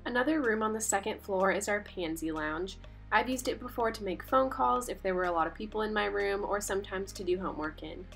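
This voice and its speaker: A woman's voice: mid-range voice, fairly quick, vocal fry, a bit bright, soft background music. A young woman giving scripted voice-over narration for a house tour, upbeat and informative. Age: young adult.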